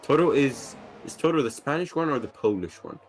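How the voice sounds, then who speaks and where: A man doing casual, jokey sim racing commentary, laughing often and calling incidents with sudden excitement. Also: medium pitch, brisk, a little hiss or hum.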